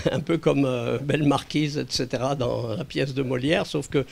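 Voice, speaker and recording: A man speaking as an expert witness, explaining calmly and hesitating often with small chuckles. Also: mid-range voice, measured pace, creaky. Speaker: linguist giving expert testimony. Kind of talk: lecture-style talk to a council. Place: meeting room.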